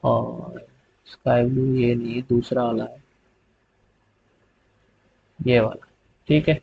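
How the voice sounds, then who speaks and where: A man's voice: medium pitch, slow pace, creaky, a little hiss or hum. Man explaining a spreadsheet tutorial. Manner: relaxed step-by-step explaining, repeating "theek hai" often. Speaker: tutorial host. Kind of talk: screen-recorded software tutorial. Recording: slightly dull lo-fi sound.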